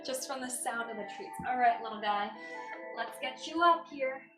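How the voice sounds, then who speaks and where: High-voiced woman cooing at her cats. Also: normal speed, pushed and bright. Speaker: livestreamer. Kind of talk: casual livestream chat. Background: faint background music.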